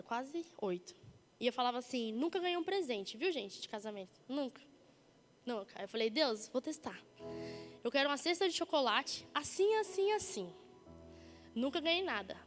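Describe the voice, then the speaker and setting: A young woman, a church leader, giving a lively testimony sermon and acting out the conversations in it. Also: sits high, in a large hall. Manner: lively storytelling, acting out dialogue.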